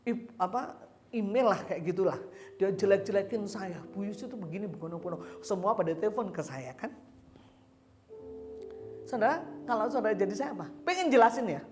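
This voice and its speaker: Animated woman preaching a sermon. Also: medium pitch, normal speed, long pauses, faint music behind. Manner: lively storytelling, acts out quotes.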